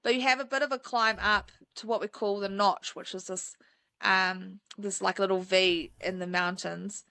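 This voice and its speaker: A woman's voice: medium pitch, steady tone, moderate pace, vocal fry, pushed and bright, no echo. A woman, a mountain guide chatting enthusiastically as a podcast guest, with lots of fillers. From New Zealand. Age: 30s. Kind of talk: casual interview chat.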